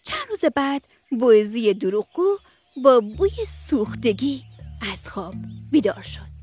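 Brief: woman children's radio storyteller, high gentle voice, faint music under her. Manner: gentle, expressive, sing-song storytelling. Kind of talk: bedtime story narration for children.

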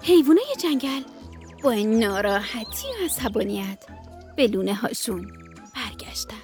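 Brief: woman children's radio storyteller, high gentle voice, faint music under her. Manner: gentle, expressive, sing-song storytelling. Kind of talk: bedtime story narration for children.

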